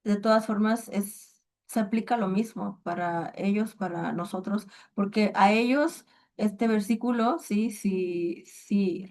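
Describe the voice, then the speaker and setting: A woman's voice: mid-range voice, a little mellow. Woman, religious teacher, casual online lesson, hesitant, thinking aloud, checks in with listeners. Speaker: Quran and Arabic teacher.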